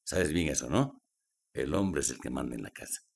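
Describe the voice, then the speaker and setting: An actor playing a domineering man who wheedles and then turns bossy and sharp, in a low, husky voice. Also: expressive, moderate pace, full character voice. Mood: coaxing, menacing. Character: domineering adult man, coaxing then menacing. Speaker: mother's partner.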